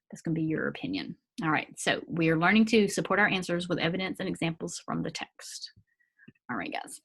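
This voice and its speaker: A woman's voice: on the low side, a bit bright. A woman teacher explaining a reading assignment to her students in a patient, casual manner. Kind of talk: recorded remote reading lesson.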